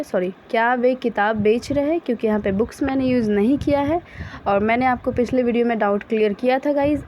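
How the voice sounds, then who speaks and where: A woman teaching English grammar in Hindi, saying example sentences very slowly and then explaining quickly, often correcting herself with small apologies. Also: fairly high pitch, darkish tone. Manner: self-correcting, apologetic asides. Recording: dull lo-fi sound with faint background hiss.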